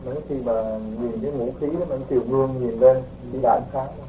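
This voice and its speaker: A man's voice: mid-range voice, steady tone, fast, warm tone, far from the mic, faint music behind. A man who is a student, asking his teacher respectful, eager questions about old spiritual writings. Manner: deferential, eager. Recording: roomy, from off the mic, faint noise.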